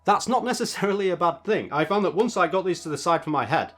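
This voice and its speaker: A man's voice: sits high, animated, quick pace, a bit bright. A man presenting a product review in a casual, chatty narration with wry asides.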